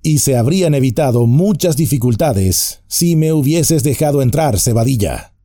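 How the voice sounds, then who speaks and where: A man doing Strider, a calm grim ranger. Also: mid-range voice, no room sound, studio quality, pitched above the performer's own voice, lightly acted. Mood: wry. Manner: calm, measured, quietly firm.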